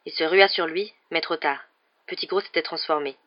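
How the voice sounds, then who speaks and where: An audiobook narrator reading a novel aloud in a steady, dramatic way. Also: medium pitch, moderate pace, dull audio.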